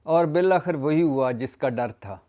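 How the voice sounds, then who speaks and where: A man's voice: on the high side, mellow. A man giving solo political analysis, indignant and emphatic, firing rhetorical questions and lists and often cutting off and correcting himself. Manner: frequent self-corrections and cut-off words. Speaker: political commentator.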